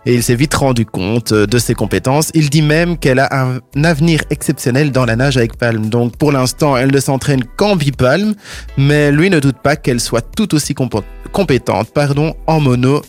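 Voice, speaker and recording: A man's voice: medium pitch, normal speed, faint music behind. A man, casually reporting local sports news on a radio show with hesitant fillers. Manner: chatty, explanatory, hesitant with fillers.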